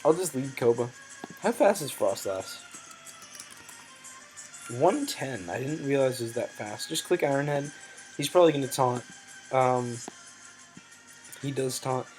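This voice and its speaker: A man's voice: mid-range voice, lively intonation, unhurried, long pauses, darkish tone, soft background music, poor audio. A man giving hesitant, thinking-aloud commentary over his competitive game, with frequent ums and self-corrections, and his voice sometimes cracks.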